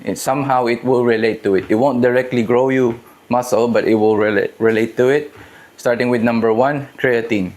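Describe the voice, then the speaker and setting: A man's voice: mid-range voice, darkish tone. A man around thirty, host of a home-gym fitness channel, talking casually and loosely to camera with restarts. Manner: chatty, loose, restarts and hedges.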